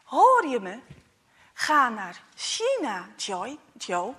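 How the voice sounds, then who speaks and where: A loving father speaks with earnest urgency to his son, voice lifting and pressing with emotion, as a woman storyteller voices him. It stays close to her own lively, higher voice. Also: very slow, slightly rough, heavily acted.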